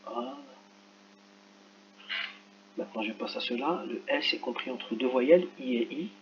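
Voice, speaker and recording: A male teacher correcting a reading exercise for children, talking slowly and carefully and spelling out each sound as he works. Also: medium pitch, big pitch swings, creaky, dull audio, a little hiss or hum. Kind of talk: screen-recorded lesson correction.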